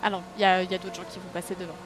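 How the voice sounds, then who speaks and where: An excitable woman with a lowish voice streams a racing game, speaking at a racing pace over engine noise. In her live gameplay commentary she talks to her audience, yelps, and mocks herself.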